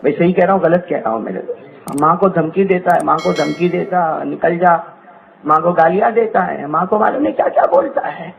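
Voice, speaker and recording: A male preacher telling an emotional story as a sermon, impassioned and sometimes shouting, calling on the crowd to repeat after him. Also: creaky, a little hiss or hum. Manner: call-and-response, urging the crowd to repeat. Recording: muffled low-fidelity recording.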